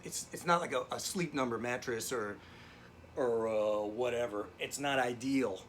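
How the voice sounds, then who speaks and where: A man's voice: medium pitch, fairly bright tone, slight background noise, lightly acted. A man playing a down-on-his-luck drum teacher who rambles through a digressive, profane story during a remote lesson. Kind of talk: comedic character monologue. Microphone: video call lesson.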